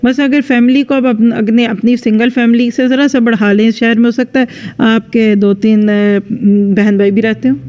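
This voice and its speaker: A woman religious teacher with a slightly high, level, mellow voice gives a conversational lecture into a microphone to a live women's audience at a lecture venue. She speaks directly to her listeners and acts out sample dialogues, and the sound is dull and lo-fi with long hall reverb.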